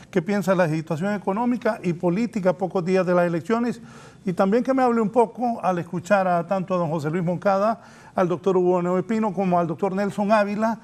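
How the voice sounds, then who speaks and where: High-voiced interview host. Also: male voice, a little mellow. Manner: brisk, introduces guests. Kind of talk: interview hosting.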